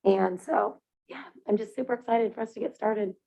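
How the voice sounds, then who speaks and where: A woman's voice: medium pitch, moderate pace, vocal fry, warm tone. Upbeat, chatty woman at a board meeting. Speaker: school board director, parent. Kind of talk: casual remarks at a board meeting. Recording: muffled meeting-room audio.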